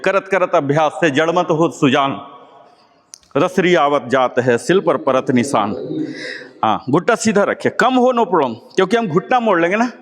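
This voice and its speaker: A man leading a live yoga class, encouraging his students and calling out each breath and pose. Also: a little high. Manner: encouraging, calls out breaths and poses. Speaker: yoga instructor. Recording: long hall reverb.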